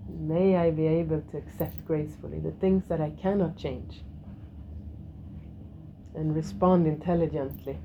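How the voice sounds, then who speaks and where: A middle-aged woman leads a spiritual yoga lesson for a class, her voice sitting a little low. She speaks gently, repeats her key phrases and laughs softly now and then. Faint room noise hums behind her. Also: fairly even intonation, moderate pace, pauses often, phone-quality sound. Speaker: yoga teacher.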